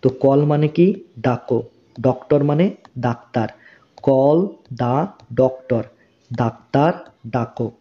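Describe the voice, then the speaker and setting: A man teaching spoken English as a lesson, slowly repeating each phrase and explaining it word by word. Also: medium pitch. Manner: slow, deliberate repetition of phrases with word-by-word explanation. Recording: dull, lo-fi recording.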